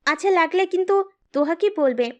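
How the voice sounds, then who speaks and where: A woman voicing a gentle middle-aged mother who speaks softly and comfortingly. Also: extremely high pitch, expressive, a little fast, highs cut off. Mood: reassuring. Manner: soft, comforting.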